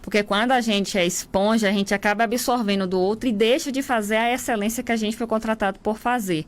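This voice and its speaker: A woman's voice: on the high side, fairly even intonation, fast talker. A woman with a Bahian Brazilian accent, an instructor explaining workplace ideas step by step in an interview. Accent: Bahian Brazilian Portuguese. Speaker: instructor at a transport workers' training center.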